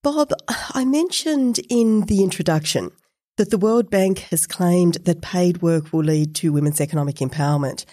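A woman hosting an academic discussion podcast, speaking in a measured, thoughtful way. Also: fairly low pitch, warm tone, no echo, clean studio sound. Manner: measured, thoughtful, some fillers. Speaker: podcast host.

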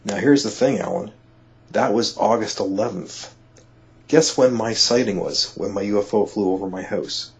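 A man talking as an interview guest, telling a personal story in a halting way, full of restarts and "you know", and he gets excited when he is amazed. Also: on the low side, husky. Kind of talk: conversational storytelling. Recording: dull lo-fi audio.

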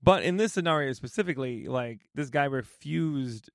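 A woman's voice: extremely low pitch, expressive, moderate pace, dry recording, clean studio sound. A woman hosting a home-repair advice podcast, chatting casually in a playful, joking, self-teasing way. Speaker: podcast host.

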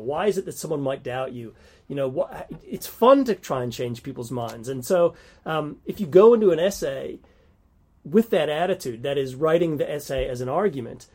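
A man's voice: a little high, mellow. A man who teaches at a university, talking casually about course lectures, thinking aloud with many restarts and stumbles.

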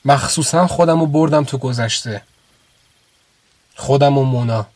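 A man narrating a first-person audio story in a calm, reflective way. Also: medium pitch, no echo.

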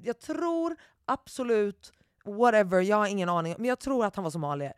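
A woman tells stories in casual podcast chat, animated and full of swearing, slipping English phrases into her talk. The sound is close and dry. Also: mid-range voice, clean tone, no room sound. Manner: animated storytelling, swears a lot, mixes in English.

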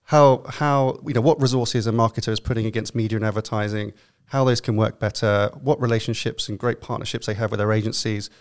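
A man's voice: mid-range voice, clean tone. A man with a London accent, a CEO on a podcast panel, talking at length with many fillers and restarts. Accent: London English. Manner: rambling, filler-heavy, self-correcting. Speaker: consultancy CEO, panel guest.

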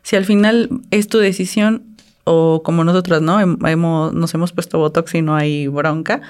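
A woman's voice: low voice, fairly even intonation, normal speed, a little mellow, clear, resonant tone. A woman, co-hosting a casual podcast and reflecting aloud with questions. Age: 30s. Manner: reflective, asks herself questions. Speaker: podcast co-host.

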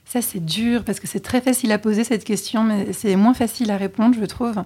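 A woman chatting candidly as a podcast co-host being interviewed, often pausing with hesitations. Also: mid-range voice, dark tone, husky. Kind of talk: casual interview answers.

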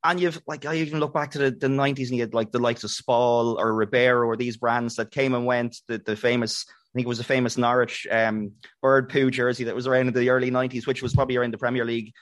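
A middle-aged Irishman talks quickly in a casual, conversational style. His voice has an Irish accent and a medium pitch, recorded dry and close. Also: little pitch movement, no room sound.

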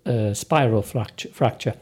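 Older-ish guy, soft sunderland accent, mellow lowish voice, chatting thoughtfully. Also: normal speed. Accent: softened Sunderland. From North East England, Sunderland area. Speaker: interview guest. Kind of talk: casual recollection in an interview.

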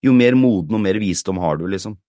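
A man's voice: fairly low pitch, expressive, mellow, no echo, studio quality. A man co-hosting a podcast, explaining ideas through a stream of rhetorical questions in casual chat. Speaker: podcast co-host.

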